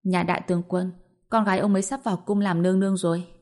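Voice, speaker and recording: A woman voicing a cheerful, gossipy male household steward who talks fast. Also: fairly low pitch, little pitch movement, darkish tone, lightly acted.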